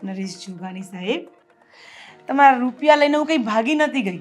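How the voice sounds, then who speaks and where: Young maid for a film drama, high-voiced, defiant and taunting,. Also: female voice, expressive, moderate pace, faint music behind. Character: defiant young maid confronting her employer.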